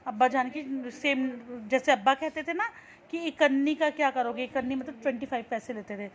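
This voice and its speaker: A woman's voice: sits high, a little fast, a bit bright, a little hiss or hum. A young woman teacher reading a textbook story aloud and explaining each line in simple words. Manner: reads a line, then restates it in simple words.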